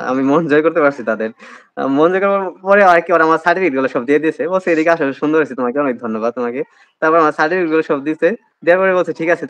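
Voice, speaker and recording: A young man with a Bangladeshi Bengali accent rattles off a story at great speed, his voice slightly high. He fills gaps with hesitant sounds, and the recording is dry and a little dull. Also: a bit bright, dry recording. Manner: fast, hesitant with many fillers. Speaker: admission candidate, guest. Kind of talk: casual interview storytelling.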